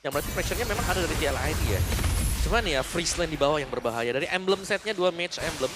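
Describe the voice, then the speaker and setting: A man's voice: a little high, lively intonation, quick pace, music in the background. A man with an Indonesian accent giving conversational esports caster analysis.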